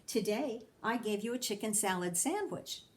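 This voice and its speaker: A woman's voice: fairly high pitch, animated, moderate pace, lightly acted. Woman reading as a patient storybook mother.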